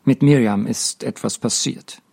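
A man voicing a brisk middle-aged businessman who speaks urgently in an audiobook reading. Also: medium pitch, gravelly, a little mellow, slightly rough.

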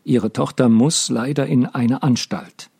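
A man voicing a calm, matter-of-fact doctor in an audiobook reading. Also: medium pitch, measured pace, gravelly, slightly rough, voice pushed up. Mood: sober. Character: calm middle-aged doctor.

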